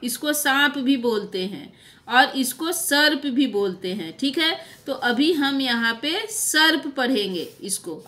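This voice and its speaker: A woman teaching Hindi to young children, speaking slowly and patiently, repeating words and asking the class questions. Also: high-pitched, sharp tone.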